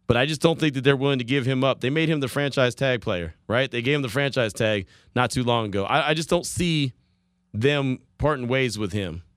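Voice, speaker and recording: A man's voice: medium pitch, no room sound, clean studio sound. A man hosting a sports talk radio show, chatting casually, repeating himself and laughing easily. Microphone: studio microphone.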